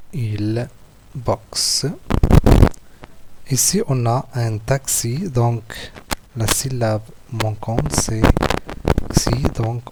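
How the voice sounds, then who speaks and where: A man with an Algerian French accent, walking through written school exercises as a teacher, slowly repeating words and syllables. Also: mid-range voice, very noisy. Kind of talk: slow, patient lesson walkthrough.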